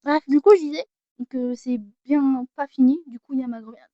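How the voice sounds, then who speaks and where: Teen girl vlogger, high voice, chatty and self-mocking, dull muffled sound. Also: fairly even intonation, a little fast, no room sound. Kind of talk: casual haul vlog.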